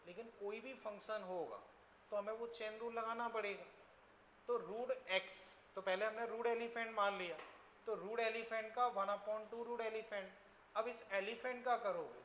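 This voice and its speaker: Male physics teacher, bright tone, faint background hiss. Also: high-pitched. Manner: addresses students as children, asks frequent checking questions. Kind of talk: classroom lecture. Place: classroom. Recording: echoey classroom, faint noise.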